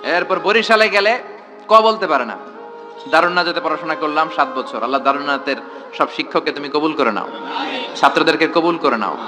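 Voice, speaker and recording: A man's voice: on the high side, fairly quick, music in the background. A man preaching a sermon to a large gathering in a tent, throwing rhetorical questions at the crowd and calling for responses.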